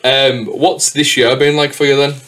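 Young man, podcast host, casual chat, mid pitch, chatty, swears a lot, lots of fillers. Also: steady tone, normal speed, fairly bright tone. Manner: chatty storyteller, swears freely, full of fillers.

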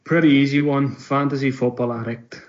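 A man with a Donegal Irish accent talks casually as an interview guest. His voice moves little in pitch and sits at a middling height. The audio is slightly dull and lo-fi, like a call. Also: steady tone, normal speed. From Donegal, Ireland. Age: 30s. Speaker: podcast guest.

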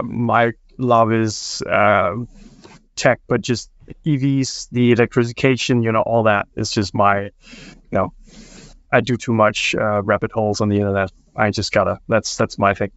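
A man, a guest on a podcast panel, chatting in a relaxed way that trails off with fillers. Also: on the low side, normal speed, clear, resonant tone, no echo. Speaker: guest, product owner. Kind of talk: casual panel chat. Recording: slightly muffled podcast recording.

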